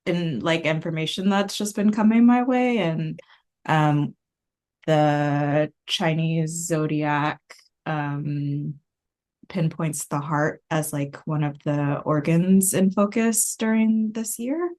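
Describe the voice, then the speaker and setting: A woman introduces herself in an online class over a video call. She speaks at an unhurried pace. Her talk is hesitant and full of ums and likes. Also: low voice, fairly even intonation, darkish tone. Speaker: class participant, artist. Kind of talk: casual introduction.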